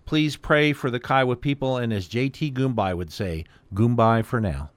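A man's voice: mid-range voice, animated, normal speed, no room sound. A man hosting a community radio talk show, reading announcements and signing off.

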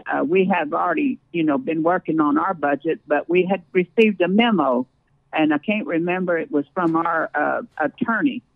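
Gravelly man on a phone-like line. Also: fairly high pitch, no echo. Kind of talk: informal political talk.

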